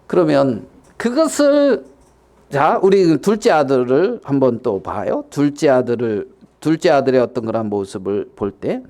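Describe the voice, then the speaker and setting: A male pastor giving a sermon, asking the congregation questions and acting out the quotes he reads. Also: mid-range voice. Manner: animated, acts out quotes, asks the audience questions.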